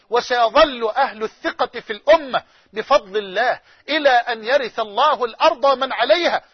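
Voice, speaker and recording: An Egyptian-accented male preacher with a strikingly high voice delivers an impassioned, story-driven sermon. The recording is dull and dry, with no room echo at all. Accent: Egyptian Arabic.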